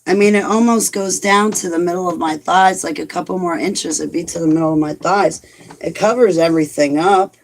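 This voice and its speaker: A forties-aged woman vlogger reads live comments and chats casually with viewers, joking at her own expense and rambling with plenty of "like"s. Her lowish voice is creaky, with fairly even intonation, and she talks a little fast.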